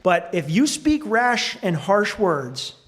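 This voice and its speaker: A man giving a church sermon, earnest and thoughtful, reading suggestions aloud with occasional fillers and pauses. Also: high voice, sing-song, fairly bright tone. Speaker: preacher. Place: church sanctuary.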